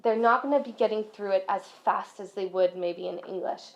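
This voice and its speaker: A woman's voice: medium pitch, brisk. A woman from a school's language program talking casually to parents in a friendly, chatty way. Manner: friendly, chatty, many fillers. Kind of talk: casual presentation talk. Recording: dull lo-fi recording.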